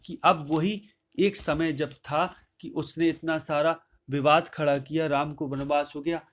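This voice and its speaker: A male teacher explaining a poem line by line, reciting each verse louder and then paraphrasing it in plain words. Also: a little high, fairly even intonation, a little slow. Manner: repeats and rephrases words to explain them.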